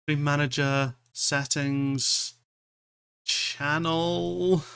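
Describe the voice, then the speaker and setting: Bright-voiced man from Scotland, casual streamer. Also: fairly high pitch, fairly even intonation, very slow, gravelly, clean tone. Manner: rambling, self-deprecating, swears casually. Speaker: streamer, VTuber. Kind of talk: casual livestream chat.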